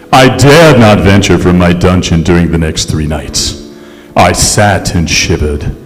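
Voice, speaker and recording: A man performs a grand, melodramatic ghost of a nobleman. His delivery is slow and theatrical, with huge swoops of pitch, ringing through a long-echoing hall. He is pompous and easily flustered, in old time radio style. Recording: echoey hall, live stage performance.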